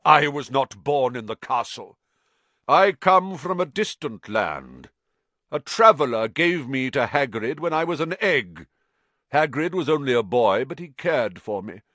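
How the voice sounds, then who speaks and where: A man voicing an ancient male giant spider, croaking and grave, speaking slowly in a storybook reading. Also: medium pitch, sing-song, a bit bright, dry recording, pitched above the performer's own voice. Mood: fretful. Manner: slow, grave pronouncements.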